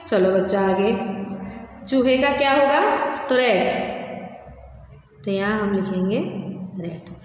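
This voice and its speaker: A woman's voice: medium pitch, slow pace, pauses often. A woman primary school teacher giving a patient video lesson, repeating each word and asking the children to say it back. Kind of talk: slow classroom video lesson. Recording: very echoey classroom with long reverb, faint hum.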